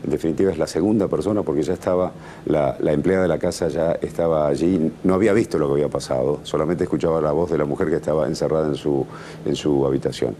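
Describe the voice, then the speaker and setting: A man with an extremely deep, mellow voice hosts a television talk show, setting up a taped clip and asking his guest questions. A faint background noise sits under the studio sound. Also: fairly even intonation, fast. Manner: introduces clips and poses questions. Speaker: TV host.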